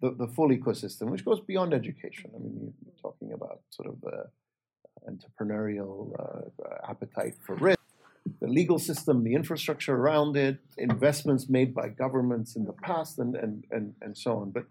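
A man with a dark, relaxed voice and a gravelly fry leads a discussion. He is thoughtful and hesitant, repeating words as he works toward his point. Some ambient noise sits behind him. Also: mid-range voice, moderate pace, rough recording. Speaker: interviewer in a discussion.

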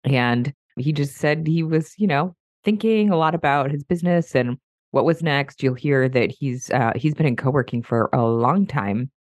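A middle-aged woman with a cold and a hoarse, mostly lost voice, chatting upbeat as a podcast host introducing her guest. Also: low voice, moderate pace, no room sound, studio quality.

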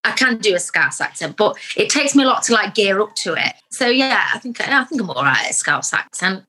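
A woman's voice: medium pitch, big pitch swings, a little fast, sharp tone, breathy edge. A young woman, an actor, chatting candidly in an interview and telling stories about herself with self-deprecating humour. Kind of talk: casual interview chat.

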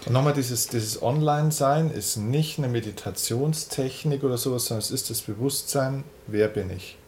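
A man's voice: mid-range voice, normal speed, a little mellow, slight background noise. Attentive male interviewer. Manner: attentive, frequent murmured agreement, probing questions.

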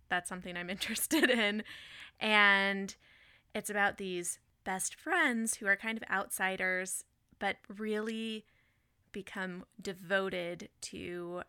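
Bright, crisp-voiced woman chatting about books. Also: lowish voice, no room sound, studio quality. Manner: enthusiastic, laughs often. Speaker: podcast co-host. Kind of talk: casual book chat.

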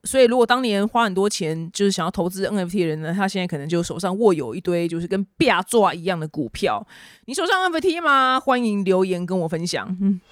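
Fast-talking woman. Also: mid-range voice, animated, no echo, studio quality. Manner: chatty, exasperated ranting with sarcastic asides. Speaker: podcast host. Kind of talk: casual news commentary podcast.

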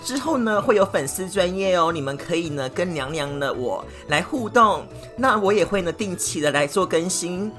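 A woman hosts her own podcast, talking straight to her listeners in a chatty way. Her voice sits a little low, but her pitch swoops widely. Faint music plays under her talk. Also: animated, a bit bright. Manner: chatty, many drawn-out filler particles, addresses listeners directly. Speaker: podcast host. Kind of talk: solo podcast chat.

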